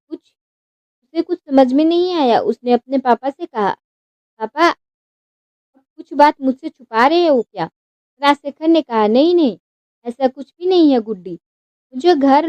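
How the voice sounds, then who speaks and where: A woman's voice: sits high, dry recording. A woman reading a family drama story aloud in a plain way, now and then stopping to correct herself. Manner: plain reading with small restarts and self-corrections. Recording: dry, dull lo-fi recording.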